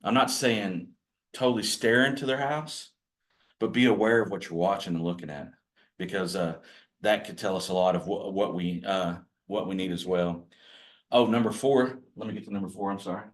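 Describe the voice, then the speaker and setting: A man with a low, growly voice gives a casual workshop talk to a group of real estate agents, speaking at a moderate pace. His training talk is folksy, rambling, and self-deprecating.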